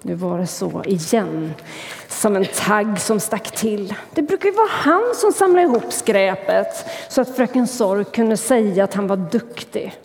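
A woman telling a story in church as a sermon, expressive and lively. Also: medium pitch, creaky, long reverb tail.

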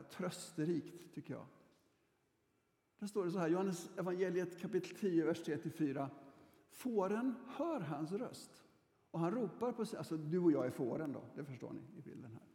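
Man, pastor, sermon, gravelly voice, long hall reverb. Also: fairly high pitch, dark tone. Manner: conversational, reassuring, with frequent fillers and restarts.

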